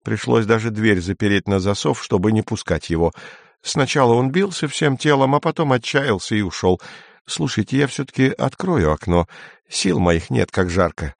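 A man's voice: on the low side, expressive, normal speed, creaky, no echo. A man reading an audiobook, voicing a restless, complaining man with a grumbling, slightly raised voice. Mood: telling.

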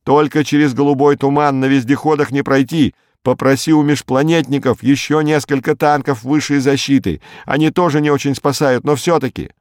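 A man performs an excited male expedition leader calling over a radio link in an audiobook. He pushes his voice up high and presses urgently, issuing one command after another. The recording is dry and close. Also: normal speed, no echo, close to an everyday voice.

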